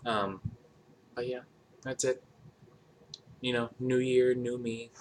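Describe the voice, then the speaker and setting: A man casually chatting while cooking in his home kitchen, sounding low-energy and a bit sick with a dry throat, talking in a monotone full of fillers. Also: slow pace, slight background noise. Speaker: cooking vlogger. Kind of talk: casual cooking vlog chat. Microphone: camera across the kitchen.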